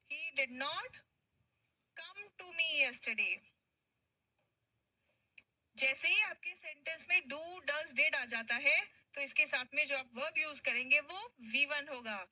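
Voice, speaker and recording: A woman teacher with an Indian English accent, a Hindi speaker, teaching a spoken English class, drawing out example sentences slowly and praising her students. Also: sits high, bright, forceful tone, dry recording, poor audio.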